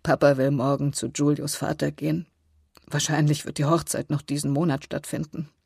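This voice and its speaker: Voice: medium pitch, flat delivery, moderate pace, vocal fry, darkish tone, slightly rough, no room sound, studio quality. A reader doing a tearful, resigned older sister. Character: young woman, tearful weary older sister. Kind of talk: audiobook character voice.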